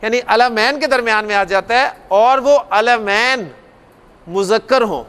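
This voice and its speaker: High-voiced man teaching grammar. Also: measured pace, a bit bright, smooth. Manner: explains step by step, repeats key points, asks the class questions. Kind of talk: classroom grammar lecture. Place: classroom or studio lecture.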